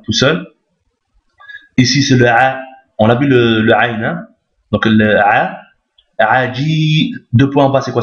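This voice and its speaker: A man teaching a recorded lesson in a patient, repetitive way, often checking that his listeners follow. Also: mid-range voice. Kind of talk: recorded Arabic alphabet lesson. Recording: roomy, dull lo-fi sound.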